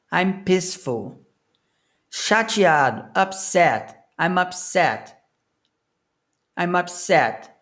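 A man teaching English to Portuguese speakers, modeling short phrases slowly and repeating each one twice. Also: sits high, creaky, fairly bright tone. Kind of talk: language lesson with repetition drills.

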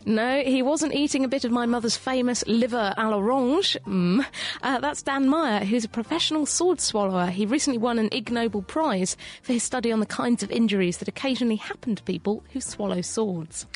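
A woman's voice: fairly high pitch, fairly quick. A woman co-hosting a science radio show in a light, wry, jokey style.

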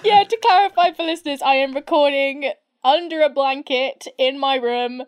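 A woman's voice: sits high, normal speed. A woman co-hosting a podcast in casual chat, recording on a phone under a blanket in her room, talking in a chatty, giggly, rambling way. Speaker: podcast co-host. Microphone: phone propped on a tissue box.

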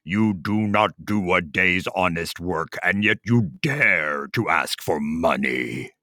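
A man voicing a stern giant male official of heaven who speaks slowly, deep and scornful. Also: pushed and bright, dry recording, studio quality, exaggerated voice.

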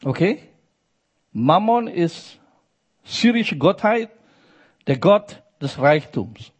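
Slow, high-voiced preacher. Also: male voice, sing-song, breathy edge. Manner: slow, emphatic, with frequent checking questions to the audience. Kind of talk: sermon.

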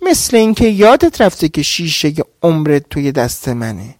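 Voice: medium pitch, big pitch swings, darkish tone, dry recording, studio quality. A storyteller voicing a young jinn wife who defiantly threatens her mother.

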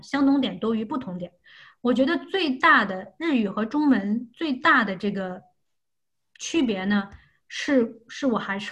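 A woman teaching an unscripted online language lesson, explaining step by step and often repeating and rephrasing herself. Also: a little high.

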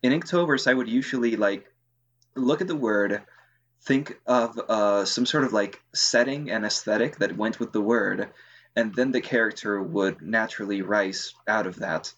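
A man's voice: fairly low pitch, moderate pace, a bit bright, lo-fi sound. A man chatting casually on a podcast, hesitant, with many fillers and restarts. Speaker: co-host.

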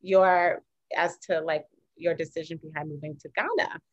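A woman hosts a casual interview, winding through her questions with eager enthusiasm. Her voice is a little low. The recording sounds dull and lo-fi. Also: fairly even intonation, normal speed.

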